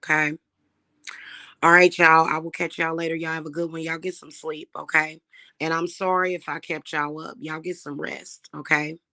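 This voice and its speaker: A spiritual reader who hosts her own channel speaks directly to viewers in a relaxed, chatty way, peppering her talk with "y'all." Her low voice is a bit hoarse, her delivery flat at a normal speed, and her tone sharp, defiant and unbothered.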